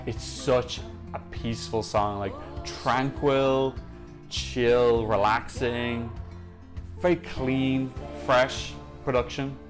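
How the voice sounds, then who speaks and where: Speaking slowly and with a steady tone, a young man with a mid-range voice runs a Eurovision reaction channel. He gushes and chats with enthusiasm while offering casual analysis of the music.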